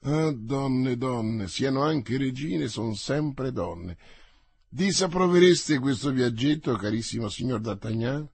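Scheming, anxious old cardinal read by a man, husky voice, insistent and wheedling. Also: mid-range voice, animated, slow, darkish tone, dry recording, heavily acted. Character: scheming, anxious older male cardinal minister. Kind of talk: audiobook character voice.

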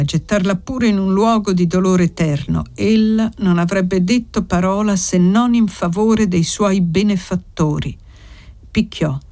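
A woman narrating a novel aloud in a measured, dramatic reading style. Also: fairly low pitch, dark tone. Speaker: audiobook narrator. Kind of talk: scripted narration.

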